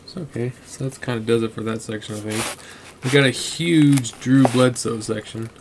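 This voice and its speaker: A man sitting at a home desk, chatting to himself and his viewers as he flips through a box of cards. His voice stays flat and level, and noise hums clearly underneath the recording. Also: mid-range voice, moderate pace. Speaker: card collector vlogger. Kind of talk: casual narration while sorting cards.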